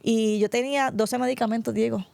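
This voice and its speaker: A woman's voice: on the high side, fairly even intonation, a little fast, gravelly, a little mellow, dry recording. A middle-aged woman pastor, giving a heartfelt, tearful testimony in an interview. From Puerto Rico. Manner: tearful, heartfelt storytelling, often addressing the host by name. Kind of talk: emotional personal testimony.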